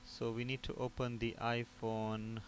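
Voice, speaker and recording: Medium in pitch and completely flat, his delivery runs a little slow. The speaker is a repair technician instructor explaining a casual step-by-step technical lesson, regularly asking himself questions and supplying the answers. The recording has no background noise.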